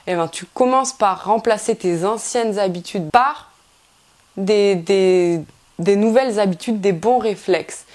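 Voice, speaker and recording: A young woman giving casual fitness advice straight to the viewer, slangy and informal, full of fillers and restarts. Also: mid-range voice. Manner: chatty, informal and slangy, addresses viewer as tu with frequent "tu vois". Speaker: fitness vlogger. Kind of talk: casual direct-to-camera advice.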